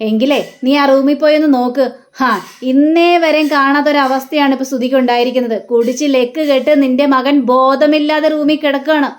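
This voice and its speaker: A woman's voice: sits high, fairly even intonation, fairly quick, natural voice. A woman voicing a worried father who firmly reproaches his wife about their son. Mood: stern.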